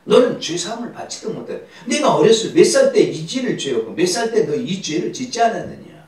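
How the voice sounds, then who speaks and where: A hectoring devil that throws a sinner's wrongs back at him one by one, as a preacher puts him on. The voice sits a little high and swings widely, and it comes from far off in a very echoey church hall with faint ambience. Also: male voice, sing-song, fairly quick. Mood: accusing. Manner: hectoring, listing accusations. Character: accusing devil tormenting a sinner.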